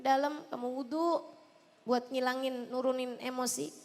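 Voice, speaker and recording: A woman's voice: high voice, normal speed, in a large hall. A woman preacher giving a sermon, talking straight to the women listening and chanting Arabic prayer lines. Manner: animated, addresses the women listening directly.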